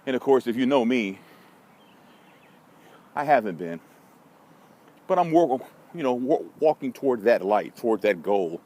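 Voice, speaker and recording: His medium-pitched, dark voice is sing-song and unhurried, with long pauses. He's an American vlogger and social media marketing consultant on a park walk, talking bluntly and casually and rambling through wry, folksy asides. The recording is noisy, with outdoor city ambience and passing vehicles.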